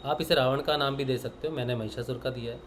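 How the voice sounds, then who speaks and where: A man's voice: medium pitch, steady tone, fast talker, a little hiss or hum. A man from Punjab leading a meditation session, giving an earnest, reflective spiritual discourse woven with stories. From Punjab, India.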